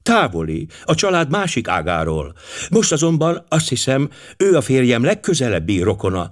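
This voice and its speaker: A man's voice: medium pitch, sing-song, lightly acted. A man voicing a worried American mother, speaking earnestly and pleadingly. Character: anxious American mother, middle-aged woman.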